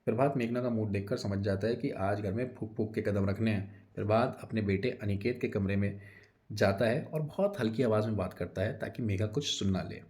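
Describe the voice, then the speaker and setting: A man narrating a story script in a calm, measured way, reading out scene directions. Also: fairly low pitch.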